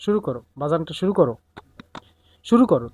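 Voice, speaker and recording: A woman's voice: sits low, sing-song, fairly quick, warm tone, no echo. A woman teaching a beginner tabla, coaching and reciting the drum syllables in rhythm. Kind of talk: music lesson instruction.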